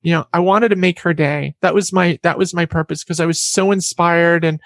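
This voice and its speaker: Animated storyteller woman, dry close sound. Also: lowish voice, brisk, no room sound. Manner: animated, acts out other people's lines in the story. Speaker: guest. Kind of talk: personal storytelling in an interview.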